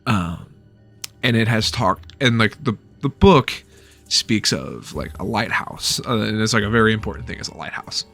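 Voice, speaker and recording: A man's voice: on the low side, lively intonation, normal speed, vocal fry, pushed and bright, faint music behind. A man in his thirties giving a loose, rambling book review at home, swearing freely.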